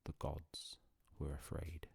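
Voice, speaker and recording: A man narrating a calm bedtime story in a hushed, solemn, unhurried way with long pauses. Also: extremely low pitch, vocal fry, slightly rough, no room sound.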